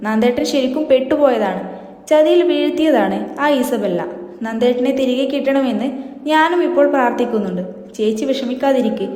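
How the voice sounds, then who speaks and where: A woman's voice: high-pitched, a little mellow, close to an everyday voice. A woman reading out the lines of an earnest young woman comforting her elder sister in a soap serial, in her own voice. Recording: roomy with long reverb.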